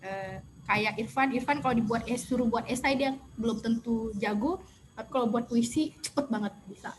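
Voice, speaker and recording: A woman's voice: fairly high pitch, moderate pace, a little hiss or hum, rough recording. A woman teacher talking casually and chattily to her class, informal and loose. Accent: Indonesian. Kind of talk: casual online class talk.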